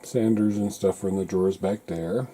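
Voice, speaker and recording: A man giving a casual walk-through of his hobby workshop, pointing things out item by item in short, unhurried phrases. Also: sits low, fairly even intonation, dark tone. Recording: clearly noisy amateur room recording with clicks.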